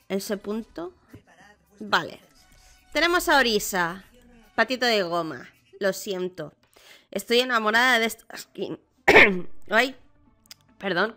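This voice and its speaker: A young woman from Spain with a Spanish accent, chatty and excitable, reading patch notes and commentating her own gameplay. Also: mid-range voice. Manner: chatty, excitable, many repeated fillers like vale. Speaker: gaming streamer.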